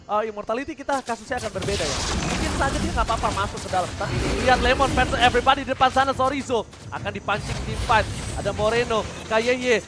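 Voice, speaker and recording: An Indonesian-accented man casts a live esports match in a very high-pitched voice. His play-by-play is emphatic, with repeated catchphrases and bits of English mixed in. Music runs behind the broadcast. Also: fast talker. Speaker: esports shoutcaster. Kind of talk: live play-by-play game commentary. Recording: broadcast commentary over music.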